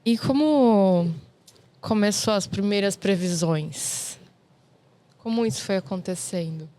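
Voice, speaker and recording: A woman's voice: medium pitch, slow pace, mellow. A woman hosting an interview, asking short questions and giving brief listening responses. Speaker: interviewer host.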